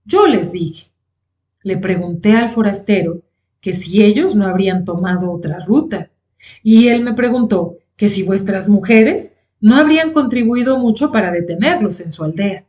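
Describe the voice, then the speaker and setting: A woman narrating a first-person novel as an audiobook reader, in a measured, calm storytelling manner. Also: medium pitch. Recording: roomy echoey recording.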